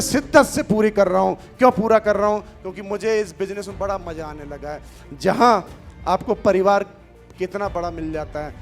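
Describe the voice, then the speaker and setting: A middle-aged man, giving a fervent stage motivational speech that swings between quiet intimate passages and loud shouts. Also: high voice. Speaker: motivational speaker.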